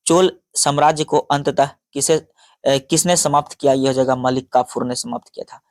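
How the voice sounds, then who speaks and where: Male tutor, slightly high voice, dry close sound, exam notes read with stumbles. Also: no room sound. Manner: halting, stumbles over names and restarts, frequent sorry. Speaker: teacher.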